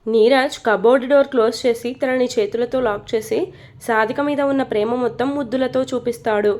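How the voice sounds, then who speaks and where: A woman narrating a romantic story with a steady, expressive reading. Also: on the high side, brisk.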